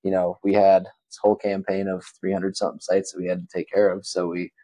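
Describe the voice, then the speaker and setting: Chatty, relaxed man from Wisconsin. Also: low-pitched, fast talker, dry recording, rough recording. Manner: relaxed, chatty, laughs often, many fillers like "you know" and "like". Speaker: podcast guest. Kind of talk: casual conversational storytelling.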